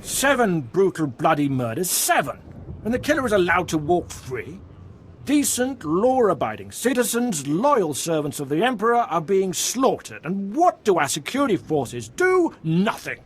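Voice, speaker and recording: An outraged townsman from a video game cries out for justice. His voice sits high and swings widely in pitch, and every demand comes out insistent and emphatic. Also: sing-song, brisk, a bit bright, a little hiss or hum. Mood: indignant.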